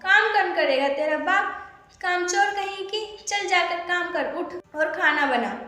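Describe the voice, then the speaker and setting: Cruel scolding stepmother, voiced by a woman storyteller, high bright voice, storybook, echoey room. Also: unhurried, heavily acted. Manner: scolding, abusive.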